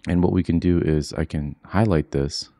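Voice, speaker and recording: Very deep-voiced man, quiet monotone. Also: moderate pace. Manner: quiet, low-key monotone delivery; relaxed walkthrough with frequent fillers. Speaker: coding instructor. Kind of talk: screen-recorded software tutorial. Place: home, with children asleep nearby.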